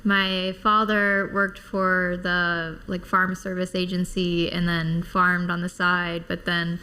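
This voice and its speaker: A woman's voice: fairly low pitch, little pitch movement, takes it slowly, pushed and bright, smooth. Casual woman in her thirties, from Iowa. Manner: casual, lots of "like" fillers. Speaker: guest, construction company owner. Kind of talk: casual interview chat.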